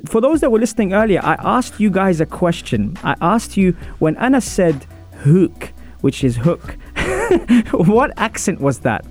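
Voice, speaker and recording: Male host, slightly high voice, chatty, informal sports interview, faint music behind. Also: sing-song, normal speed, few pauses. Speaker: sports talk show host. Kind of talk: casual radio interview.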